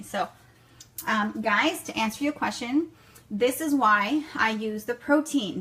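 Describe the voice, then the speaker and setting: A woman in her thirties with a French accent shows viewers how to make a smoothie in a casual kitchen vlog, chatting away and adding "okay?" and "guys" after nearly every line. Her voice is fairly high and a bit bright, with vocal fry. The home recording is noisy.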